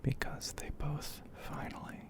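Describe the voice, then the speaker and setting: In a slow, poetic ASMR narration, a man whispers breathily and quietly into a nearby microphone. Pauses come frequently throughout.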